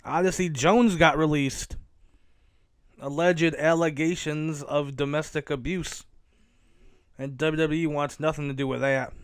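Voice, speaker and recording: A man hosts a casual solo podcast, talking loosely with plenty of cursing and mid-sentence self-corrections. His voice sits a bit high for a man and comes across smooth and clear. The sound is dry and close. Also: no echo. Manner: rambling, self-correcting and profane. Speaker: podcast host.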